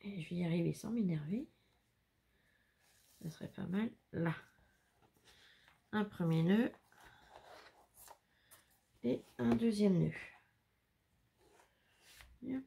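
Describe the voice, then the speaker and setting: A woman's voice: medium pitch, takes it slowly, gravelly, pauses often, warm tone. A woman chatting casually as she unboxes handmade scrapbook albums, exclaiming and laughing often. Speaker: scrapbooking vlogger.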